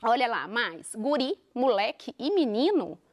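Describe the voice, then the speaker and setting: A woman teacher from Minas Gerais with a Minas Gerais accent, explaining a televised lesson in an animated way and asking the class rhetorical questions. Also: on the high side, a little slow. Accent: Minas Gerais Brazilian Portuguese. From Minas Gerais, Brazil.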